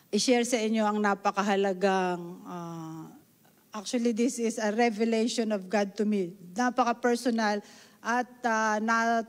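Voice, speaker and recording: A middle-aged woman from the Philippines preaching a sermon, earnest and emotional, mixing Tagalog and English and often asking "no?". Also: on the high side. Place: church hall. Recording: long church hall reverb.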